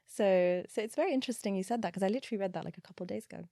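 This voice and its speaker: A woman's voice: mid-range voice, racing, vocal fry, dark tone, no room sound, studio quality. A woman hosting a podcast interview, thinking aloud in a reflective, meandering way. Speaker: podcast host. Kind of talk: conversational interview.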